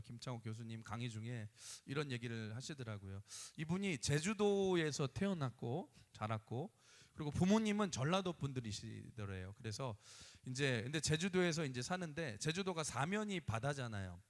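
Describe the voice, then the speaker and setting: A man's voice: medium pitch, expressive, normal speed. A man preaching a sermon as pastor, telling stories and acting out the voices of the people in them. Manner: storytelling, acting out quoted voices. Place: church sanctuary. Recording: reverberant church hall.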